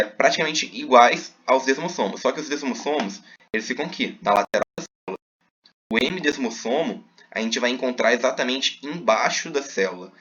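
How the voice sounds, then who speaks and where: A man's voice: medium pitch, pushed and bright, lo-fi sound. A man teaching a recorded class, explaining step by step with many fillers.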